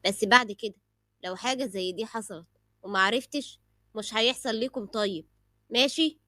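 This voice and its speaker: A woman voicing a calm, suspicious elderly father with an Egyptian Arabic accent. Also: fairly high pitch, brisk, no room sound, studio quality. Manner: calm, knowing.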